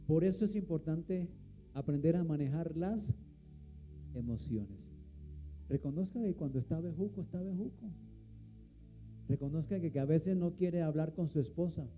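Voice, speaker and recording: A man's voice: a little high, normal speed, long pauses, dark tone, muffled recording, faint music behind. A man preaching a sermon, asking the congregation questions and answering them himself. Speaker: pastor.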